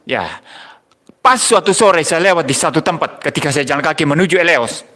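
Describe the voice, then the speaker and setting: A man's voice: on the high side, expressive, fairly quick, sharp tone. An older man, a pastor preaching a sermon, telling personal stories and repeating key phrases for emphasis.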